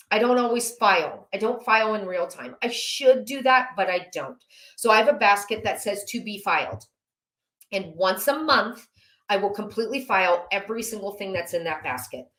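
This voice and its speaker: A woman's voice: mid-range voice, pushed and bright. A woman hosting a home-organizing channel, explaining her filing system in a chatty, practical way with a little self-mockery. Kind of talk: casual instructional talk to camera. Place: home office. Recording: roomy echo.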